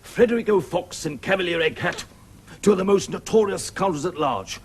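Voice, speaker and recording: A man's voice: high-pitched, moderate pace, slight background noise, natural voice. A man playing a pompous, officious police sergeant.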